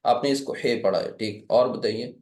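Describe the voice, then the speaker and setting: A man's voice: mid-range voice, a little mellow, reverberant. A man from India teaching a live Arabic class, patiently explaining step by step and quizzing his students.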